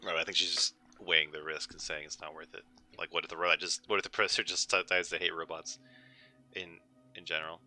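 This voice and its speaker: A man's voice: sits low, level tone, quick pace, pushed and bright, soft background music. A man casually commenting on a game he is playing, rambling and repeating words as he thinks aloud. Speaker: let's play host.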